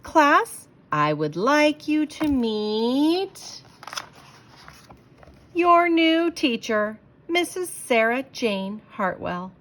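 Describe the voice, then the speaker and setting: A woman voicing a gushing, bustling female school principal in a children's storybook, effusive and brisk. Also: sits high, big pitch swings, fairly bright tone, voice pushed up, heavily acted. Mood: commanding, announcing. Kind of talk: children's storybook read-aloud.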